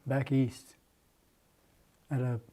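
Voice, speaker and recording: A man's voice: medium pitch, completely flat delivery, extremely slow, warm tone. An older man from Jamaica, a muralist, recalling his past at length in an oral history interview, with many restarts and fillers.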